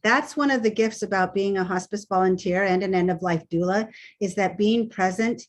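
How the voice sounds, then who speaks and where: A woman's voice: mid-range voice, moderate pace. A woman with a mid-range voice gives conversational guidance as a hospice nurse. She is reassuring and plain-spoken, talking directly to the person she advises. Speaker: hospice nurse answering volunteers' questions. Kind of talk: conversational advice on a group call.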